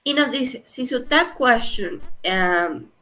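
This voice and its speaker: A woman's voice: on the high side, animated, slow, sharp tone. A young woman teaching an English grammar lesson, explaining patiently step by step and often checking in with her students.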